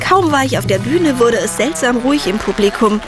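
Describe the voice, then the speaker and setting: A woman's voice: fairly high pitch, expressive, brisk, natural voice. An actress voicing a teenage girl who narrates her own story in a wry manner. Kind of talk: dubbed series narration. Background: music.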